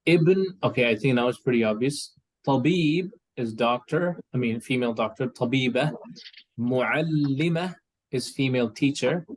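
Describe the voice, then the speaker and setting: A patient man leads an Arabic class, quizzing students and explaining vocabulary slowly. He talks in a mid-pitched, everyday voice, pausing often with fillers. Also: poor audio. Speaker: Arabic teacher. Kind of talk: online class lesson.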